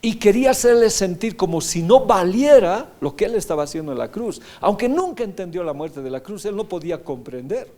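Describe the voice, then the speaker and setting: A man's voice: high-pitched, animated, brisk, few pauses, mellow. A man preaching a sermon as pastor, reading scripture aloud and often asking the congregation rhetorical questions. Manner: reads scripture verses aloud.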